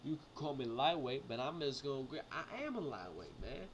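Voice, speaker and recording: A man's voice: mid-range voice, very animated, fairly quick, muffled recording. Drunk, rowdy party-animal guy over background noise. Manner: loose, repetitive slangy talk with stumbles and swearing. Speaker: vlogger. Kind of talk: rambling casual storytelling to camera. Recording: noisy amateur recording with clicks.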